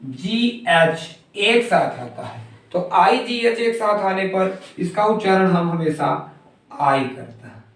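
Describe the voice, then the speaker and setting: A man's voice: high voice, expressive, a bit bright. A man teaching a phonics lesson, going patiently through example words and saying each one more than once. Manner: slow, patient, repeats each example word. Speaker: English teacher. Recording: very echoey room, mic far off.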